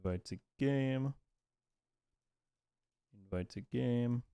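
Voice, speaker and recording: A man's voice: medium pitch, slow pace, warm tone, clear, resonant tone. A man streaming a video game, chatting casually and thanking viewers by name. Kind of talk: casual live-stream chat.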